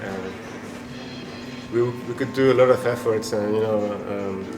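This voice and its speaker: A man's voice: fairly low pitch, fairly even intonation, measured pace, music in the background. A man from Chile, a band member being interviewed, talking casually and rambling with many restarts and fillers. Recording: echoey room with noisy ambience.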